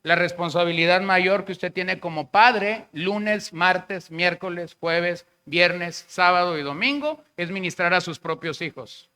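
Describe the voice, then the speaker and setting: A man's voice: high voice, a little slow, few pauses, bright, forceful tone, clear, resonant tone. A man with a Mexican Spanish accent preaching a sermon as pastor, in a conversational way, acting out the words of the people he quotes.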